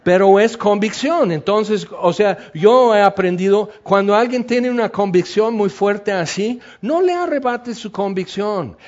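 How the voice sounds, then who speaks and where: A man's voice: high voice, darkish tone, dull audio. A man preaching a sermon as pastor, talking in a loose conversational way with many fillers.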